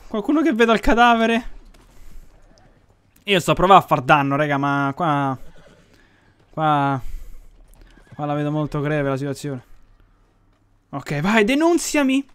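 A young man with a high voice, chattering through a gameplay session at his desk mic. He swears freely, taunts the characters on screen and jumps to shouting when things go wrong. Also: a little slow, pauses often, smooth. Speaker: gaming channel host. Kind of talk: casual gameplay commentary.

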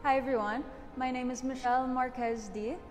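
A woman's voice: high voice, fairly even intonation, normal speed, long reverb tail. A woman in her twenties giving a composed, earnest self-introduction to camera as a pageant contestant. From Philippines, raised in the US. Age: 20s. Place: dark studio. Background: music.

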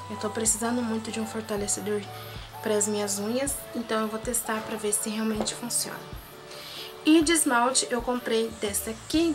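A young Brazilian woman with a Brazilian Portuguese accent, chatting casually about her pharmacy haul and reading product labels aloud, in a small room on a camera mic. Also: a little high. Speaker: beauty vlogger. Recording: background music throughout.

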